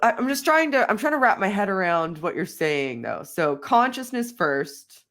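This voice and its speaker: An Australian woman with a cold sounds sniffly, her medium-pitched, slightly bright voice sing-song at a moderate pace. As a podcast guest in casual conversation over drinks, she thinks aloud and hedges often with "like".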